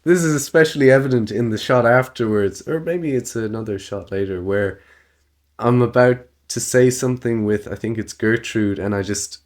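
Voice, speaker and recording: A man co-hosting a podcast in casual chat, laughing often and slipping into silly falsetto voices when quoting. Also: normal speed. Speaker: podcast co-host.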